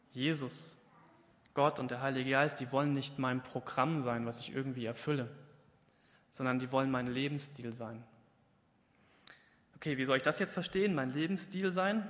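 A man's voice: mid-range voice, moderate pace, long pauses, a bit bright, in a large hall. A man preaching a Pentecost sermon in a church, talking conversationally, asking questions and answering them himself, and raising his voice to act out the biblical dialogue. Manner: acts out the biblical dialogue with raised, emphatic voice.

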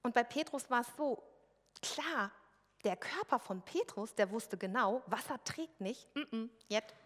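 A woman's voice: a little high, lively intonation, unhurried, fairly bright tone, long reverb tail. A woman from West Germany preaching a sermon in a church service room, in a conversational, personal storytelling way.

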